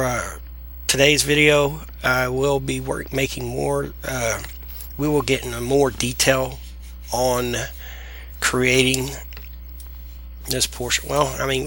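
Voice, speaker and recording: A man with a deep Southern American accent talks slowly through a casual software tutorial. His voice is bright and creaky, with slightly slurred S sounds. He speaks haltingly and rambles, over faint noise. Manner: halting, rambling delivery with trailing sentences. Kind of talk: casual unscripted screen tutorial.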